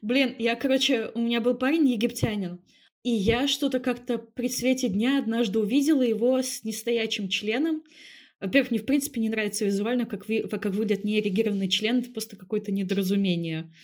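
A woman's voice: a little high, fairly quick, darkish tone. A woman co-hosting a casual comedic podcast, frank and crude, who says her r like a w. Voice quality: says w-like sound for r (burred r). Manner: frank, crude, swears freely. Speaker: podcast co-host.

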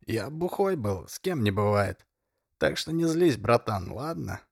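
A man putting on a hoarse wheedling old drunk. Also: medium pitch, big pitch swings, a little slow, no room sound, studio quality, pitched above the performer's own voice, full character voice. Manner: pleading, slangy. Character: hungover homeless male drunk, wheedling.

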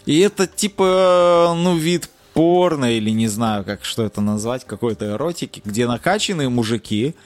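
A man's voice: mid-range voice, animated, normal speed, hardly any pauses, faint music behind. Young man bantering as podcast co-host. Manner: slangy, bantering. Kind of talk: casual joking chat.

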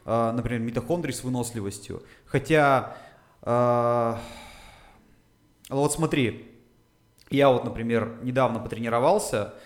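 Speaking at an unhurried pace with frequent pauses, a medium-pitched male fitness coach from the Russian Urals lays things out step by step on a relaxed podcast. His explanations are dotted with "uh" fillers.

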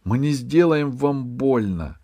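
A man reading aloud voices a calm, firm woman who leads the group and soothes a frightened old man. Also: mid-range voice, slow pace, voice pushed up. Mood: reassuring. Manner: commanding yet soothing.

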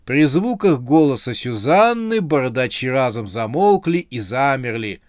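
A man narrating a comic horror story with a lively, expressive delivery. His voice sits in a middle pitch, recorded dry and close with no room sound. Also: no room sound.

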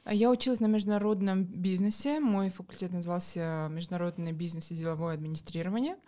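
A woman in her twenties from Armenia, a podcast guest talking about herself in a relaxed, candid way. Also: fairly low pitch, quick pace. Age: 20s. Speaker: interview guest. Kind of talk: casual interview chat.

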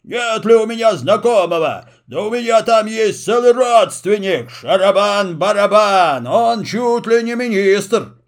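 Мужчина изображает рычащего злого кукольника, высоко, медленно, для аудиосказки. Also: male voice, high voice, slow pace, hardly any pauses. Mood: furious. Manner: roaring, growling. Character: angry greedy bearded male puppet-master. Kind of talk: storybook audio reading.

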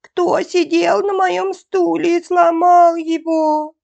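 A woman's voice: flat delivery, slow pace, vocal fry, a little mellow, dull audio, heavily acted. Woman doing a squealing little bear cub. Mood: whiny. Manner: thin squealing, shrill.

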